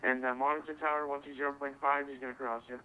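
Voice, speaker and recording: A man's voice: mid-range voice, level tone, fast talker, sharp tone. A man working as an air traffic controller over radio, giving procedural instructions in clipped, courteous phrases. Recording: tinny narrow-band radio voice link.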